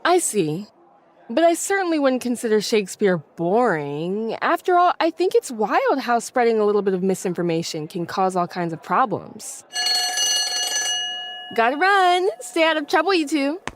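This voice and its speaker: A woman's voice: fairly high pitch, sing-song, normal speed, a little hiss or hum. A woman voicing a nosy, gossip-loving schoolgirl who talks in a gushing, theatrical way.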